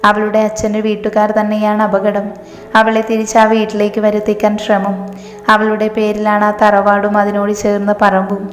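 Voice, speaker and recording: Woman narrator reading an anxious young woman, guarded, flat delivery, echoey room. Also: medium pitch, moderate pace, natural voice. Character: frightened young woman seeking refuge. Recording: roomy reverb, faint music.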